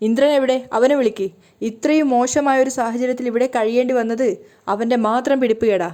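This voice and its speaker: A woman's voice: a little high, steady tone, a little fast, dark tone, lightly acted. A woman voicing an angry young man who demands action, in a serial recap. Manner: indignant and demanding.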